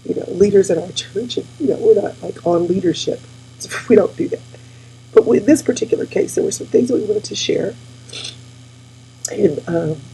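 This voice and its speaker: Woman host, forties, husky gravelly voice, tearful and close to crying, direct to viewers, faint hum. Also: medium pitch, dark tone, poor audio. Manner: tearful, addresses audience as y'all. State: weepy, near tears. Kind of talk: casual heartfelt talk to viewers.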